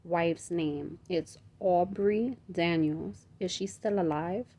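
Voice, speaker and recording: A practical sister with a firm, calming way of talking, as a woman reads her aloud. Her voice is mellow and gravelly, set low. She sounds like a figure in a storybook reading. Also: takes it slowly.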